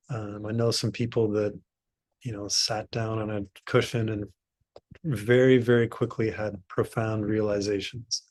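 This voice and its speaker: A man leads a meditation group, speaking slowly and easily, pausing often as he thinks aloud. His voice is of middle pitch and sounds dry and close, as on a video call. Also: dry recording. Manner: relaxed, unhurried, thinks aloud with pauses. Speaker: meditation teacher. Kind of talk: casual talk to a meditation group.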